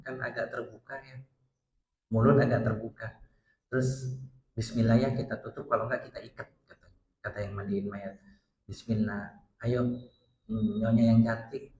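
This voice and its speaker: A man's voice: on the low side, fairly even intonation, measured pace, pauses often, darkish tone. A middle-aged man preaching in a mosque, telling a personal family story with heartfelt, rising emphasis as he acts out the dialogue. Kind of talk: emotional storytelling sermon. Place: mosque hall. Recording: roomy mosque echo.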